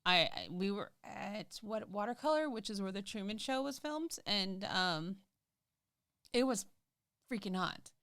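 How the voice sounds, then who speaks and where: A woman's voice: medium pitch, expressive, unhurried, a bit bright, smooth, no room sound. Chatty laughing woman, dry sound. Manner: chatty, laughs often, jokey. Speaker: podcast co-host. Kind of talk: casual chat.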